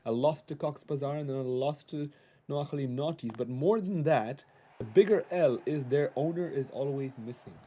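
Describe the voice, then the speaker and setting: A man's voice: mid-range voice, normal speed, warm tone. A young man co-commentating a cricket video game in a playful, teasing way, often restarting his words. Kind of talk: casual gaming cricket commentary.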